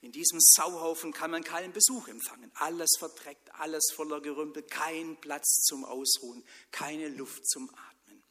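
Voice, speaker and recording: A man voicing a frantic, flustered householder who shouts for help cleaning his house. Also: a little high, steady tone, normal speed, few pauses, big-room sound. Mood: appalled.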